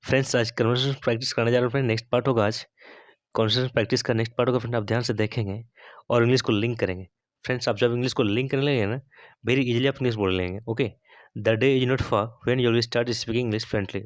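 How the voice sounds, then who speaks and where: A man with an Indian accent and Hindi as his first language, teaching a spoken English lesson. He keeps asking "okay?" and reads English example sentences out very slowly. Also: mid-range voice, no echo, clean studio sound. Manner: repeats "okay?" and quizzes the viewer, drawing out English sentences slowly.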